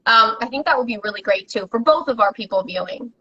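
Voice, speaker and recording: A woman guest on a podcast, talking as a business coach in an energetic, emphatic, motivational way, often repeating herself for stress. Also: a little high, fast, breathy edge, muffled recording. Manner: energetic and emphatic, with repetitions and restarts. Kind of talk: motivational casual conversation.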